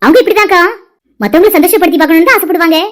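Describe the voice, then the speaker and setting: A woman voicing chatty village women, a young wife and her aunt, in an animated family drama, talking in rapid, gossipy chatter. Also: very high-pitched, over loud music. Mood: curious.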